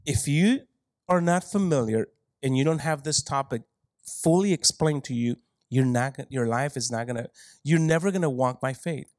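Brief: male preacher, lively sermon, playful humor, close dry mic. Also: moderate pace, no room sound, rough recording. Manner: animated, joking asides, laughs often, big swings in pitch and loudness.

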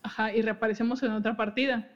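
A young woman talks fast in a slightly high, flat voice as she hosts a podcast about game lore. She keeps it casual and chatty, giggling often and interrupting herself to restart. The sound is dull and lo-fi.

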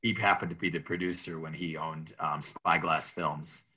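A middle-aged man from Minnesota, USA, who grew up speaking Greek, chats casually as an interview guest, rambling, restarting and chuckling as he tells stories. His low voice is level, sharp and moderately paced.

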